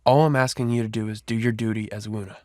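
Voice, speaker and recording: A man's voice: on the low side, steady tone, fast talker, dark tone, no room sound, close to an everyday voice. Guy voicing a cold alpha werewolf boss, condescending, dry close audio drama sound. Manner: cold and dismissive.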